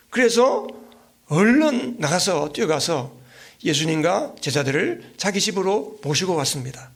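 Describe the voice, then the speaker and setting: Man, high-pitched voice, guest pastor, evening sermon, vivid storytelling, rhetorical questions, frequent fillers. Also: a bit bright. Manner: frequent thinking fillers between phrases.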